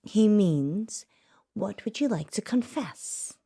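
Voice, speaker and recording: Breathy, girlish radio co-host. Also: mid-range voice, animated, unhurried. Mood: composed. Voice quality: soft, breathy, baby-doll voice. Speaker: radio co-host in a story game. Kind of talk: dramatic game dialogue, late-night radio show.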